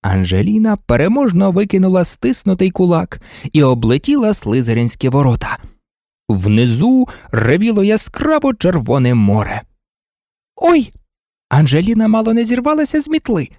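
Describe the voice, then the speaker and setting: A man's voice: high-pitched, huge pitch swings, moderate pace, warm tone, no room sound, studio quality. A man narrating an audiobook expressively, voicing every character himself. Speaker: audiobook reader.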